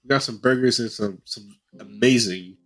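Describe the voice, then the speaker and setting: A man's voice: mid-range voice, moderate pace. Young man with a stuffy nose. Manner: animated, joking, laughs often. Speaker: podcast co-host. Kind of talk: casual chat.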